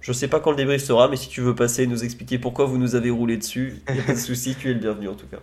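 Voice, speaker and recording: A man's voice: medium pitch, very fast. Male stream host, casual and chatty, loose delivery. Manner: relaxed, many fillers and restarts. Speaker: host of a football live stream. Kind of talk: casual live stream chat.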